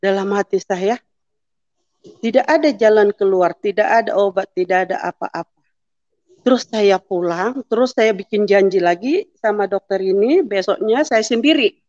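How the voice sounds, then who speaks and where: A middle-aged woman gives a personal testimony at a medium pitch. She tells her story and acts out what each person said. The recording is dry and close but dull and lo-fi. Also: moderate pace, a little mellow, dry recording. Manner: storytelling, acting out the dialogue. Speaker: testimony speaker. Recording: dull lo-fi sound.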